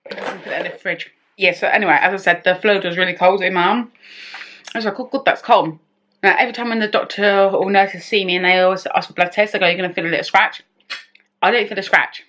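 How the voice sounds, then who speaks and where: A woman vlogger tells a personal story in a casual, chatty way, rambling and often cutting herself off to restart sentences. Her voice is medium-pitched and a bit bright, with a steady tone and a fast pace.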